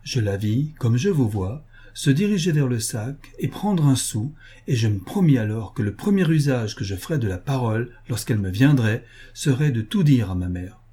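A man reading as a witty young gentleman who teases his companions with playful tall tales. The voice is dark and husky in a novel read aloud. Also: mid-range voice, expressive, moderate pace. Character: young Englishman, witty and teasing.

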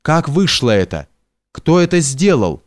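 A man's voice: fairly high pitch, big pitch swings, unhurried, dry recording, clean studio sound. Man reading as a distraught princess. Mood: despairing. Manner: breathless, frantic, half-whispered. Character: distraught young noblewoman, a princess in despair.

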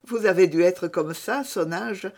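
A woman voicing a kind, gently teasing young peasant woman in an audiobook reading. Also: fairly low pitch, unhurried. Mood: coaxing. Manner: teasing, coaxing.

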